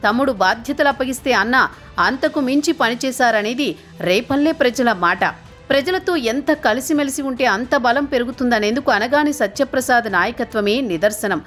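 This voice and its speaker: A woman reading a scripted news voice-over in a measured, formal way. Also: a little high, fairly bright tone, soft background music. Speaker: news narrator.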